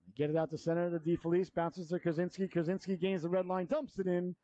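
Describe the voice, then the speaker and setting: A middle-aged man calling live hockey play-by-play as an announcer, folksy and excitable, with colourful slang. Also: sits high, quick pace, lo-fi sound.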